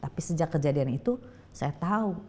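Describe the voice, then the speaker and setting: A middle-aged woman giving an emotional personal testimony as a talk show guest, telling her story with lively, acted-out storytelling. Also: low voice, a little fast. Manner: lively storytelling, acting out quoted voices.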